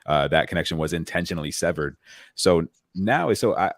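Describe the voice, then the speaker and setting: A man's voice: low voice, lively intonation, fairly quick, no room sound. A man co-hosting a panel talk, thoughtful and reflective, with many fillers. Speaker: podcast co-host. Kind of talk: casual panel discussion.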